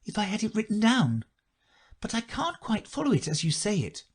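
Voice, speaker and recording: Young girl played by a man, polite, earnest, high husky voice, lively. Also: normal speed, exaggerated voice.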